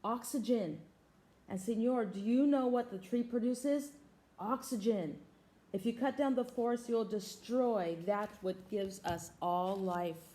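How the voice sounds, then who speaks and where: A woman's voice: on the high side, unhurried, mellow, voice pushed up, lightly acted, low-quality recording. A woman voicing earnest tree porcupines who question the man.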